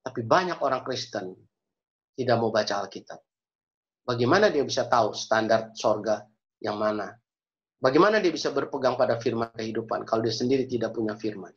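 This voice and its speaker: A man's voice: medium pitch, a little fast. Earnest man preaching over dull call. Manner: earnest, emphatic, repeats key phrases. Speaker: pastor. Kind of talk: sermon and prayer. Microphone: video call. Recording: dull lo-fi video call audio.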